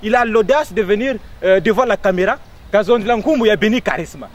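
A man's voice: sits high, expressive, fairly quick, slight background noise. A man, lecturing proudly in street banter outdoors in a city street. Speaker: sapeur.

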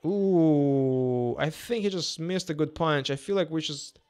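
Man, twenties, Russian accent, native Russian speaker, fairly high pitch, casual live sports commentary, hesitant, repeated phrases. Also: unhurried, a little mellow. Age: 20s. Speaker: boxing commentator. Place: small indoor room. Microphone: close podcast microphone on a boom arm.

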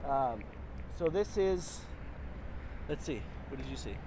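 A man's voice: mid-range voice, animated, takes it slowly, warm tone, slight background noise. A man in his thirties, a car dealership finance manager, chatting upbeat with lots of filler ums while walking an outdoor lot, recorded on a phone held at arm's length. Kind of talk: casual walk-and-talk promo. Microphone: phone camera at arm's length.

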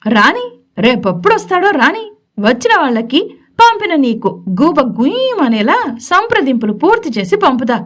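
A playful young husband from a romance audio story who teases with affectionate jokes. A woman voices him in a high register, close to her own storytelling voice. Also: very animated, normal speed. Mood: teasing. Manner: teasing, laughing, affectionate banter.

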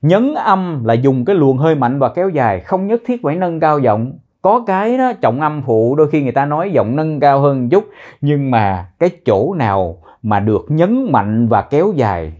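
A man teaching a citizenship test lesson, repeating words slowly in pronunciation drills. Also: medium pitch, dark tone, dull audio. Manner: slow, drawn-out pronunciation drills.

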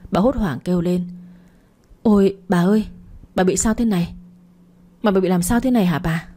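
A woman tells a late-night radio story in a calm, even reading voice. Her tone is low, warm and mellow, with a soft, breathy husk to it. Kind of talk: scripted story narration.

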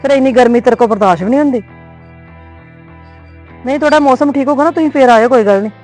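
Actress as a firm young wife on a phone call, brisk talker, faint music under it. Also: female voice, high-pitched, darkish tone. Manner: placating but firm on the phone. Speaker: daughter-in-law. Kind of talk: web series drama.

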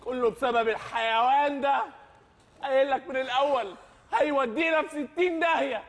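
A man's voice: extremely high pitch, a little fast, big-room sound. An actor playing a panicky, deafened young male robber with an Egyptian accent, talking in a frantic, complaining way near tears. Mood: panicked. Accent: Egyptian Arabic.

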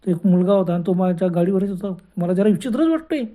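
A woman narrating a first-person ghost story in a colloquial, unhurried way, often stopping to restart a phrase. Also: lowish voice, animated, mellow. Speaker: horror storyteller.

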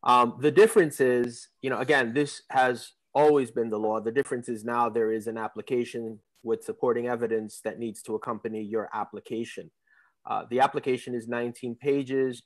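Measured attorney explaining law, dry sound. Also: male voice, mid-range voice, no room sound, low-quality recording. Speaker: immigration attorney. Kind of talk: explaining legal rules on a radio show.

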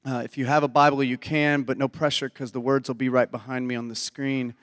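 A man, a pastor whose voice is hoarse from illness, praying and preaching in an earnest, folksy way that often restarts phrases. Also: mid-range voice, flat delivery, brisk, a bit bright. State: hoarse, losing his voice. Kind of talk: sermon with opening prayer. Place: church sanctuary. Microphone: handheld or stage mic. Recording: dry close mic with long hall reverb.

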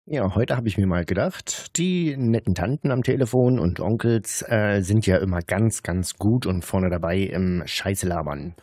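A man's voice: low-pitched, a little slow, few pauses, warm tone, no echo, clean studio sound. A man giving casual, mocking commentary as a host, with a sarcastic, colloquial way of talking. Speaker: host of scam-baiting recordings.

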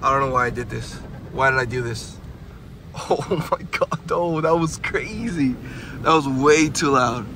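His voice is mid-range with lively intonation and a measured pace, set against a noisy background. The young man is doing casual vlog commentary on a handheld phone from inside his truck in a car wash, with nervous yelps and laughs aimed at viewers.

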